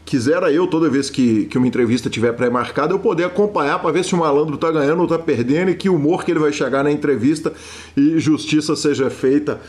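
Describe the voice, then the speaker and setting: A man's voice: fairly high pitch, quick pace, a little mellow. A man hosting a podcast interview, speaking in a formal, courteous way with playful asides. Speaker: podcast host.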